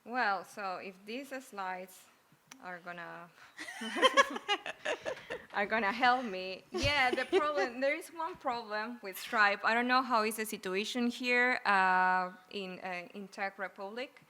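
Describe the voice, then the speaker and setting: A woman from Argentina giving a relaxed, chatty live tech talk on a conference stage. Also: fairly high pitch, takes it slowly, a little hiss or hum. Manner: relaxed, chatty, laughs easily. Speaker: conference speaker.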